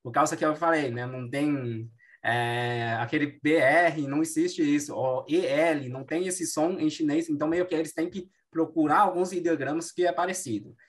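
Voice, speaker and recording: Explaining things to a class, a patient Mandarin teacher whose first language is Mandarin Chinese keeps adding "né" tags and self-corrections. His voice is fairly high with fairly even intonation, at a moderate pace.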